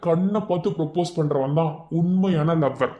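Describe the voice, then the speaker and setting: A man's voice: on the high side, moderate pace, mellow, lo-fi sound, close to an everyday voice. A man voicing a blunt young man in a cartoon who lectures his lovesick friend, in a Madurai Tamil accent. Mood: lecturing. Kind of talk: animated cartoon voice acting.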